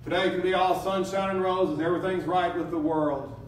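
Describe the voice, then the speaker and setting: A man's voice: high voice, fairly even intonation, a little fast. Guy preaching, dramatic, acts out the crowd, big echo, faint hiss. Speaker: pastor. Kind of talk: sermon. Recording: echoey room, from a distance.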